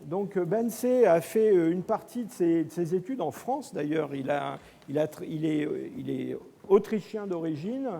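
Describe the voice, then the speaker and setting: A man acting as host, giving an informal spoken introduction in a hesitant way with many pauses. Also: on the high side, animated, vocal fry, warm tone. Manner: hesitant, pausing often. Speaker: host introducing a guest lecturer. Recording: reverberant lecture hall.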